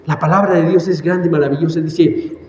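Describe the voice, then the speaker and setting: Male pastor, high-pitched, emphatic sermon, heavy echo, dull lo-fi sound. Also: fairly even intonation, brisk, a little mellow. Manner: emphatic preaching, repeats words, coughs and apologizes. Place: church hall. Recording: echoey church hall, dull sound.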